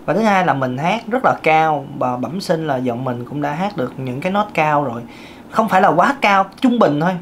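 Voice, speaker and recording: A man's voice: animated, moderate pace, slight background noise. A man with a thin, light voice, giving a casual singing lesson, chatty with many fillers. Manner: chatty, with many fillers and sudden pitch jumps. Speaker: singing teacher.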